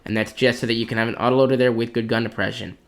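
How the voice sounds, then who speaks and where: A man's voice: mid-range voice, level tone, rapid-fire. A man giving blunt, opinionated commentary as he ranks tanks for competitive play, thinking aloud as he goes. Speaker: clan commander ranking tanks. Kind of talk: casual gaming commentary.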